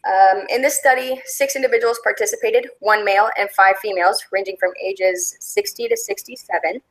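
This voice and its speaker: A woman in her late twenties presents her group's class project. Her pitch sits in the middle of the range, and she reads her script in an even, steady way. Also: fairly quick, low-quality recording. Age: 20s. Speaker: student presenter.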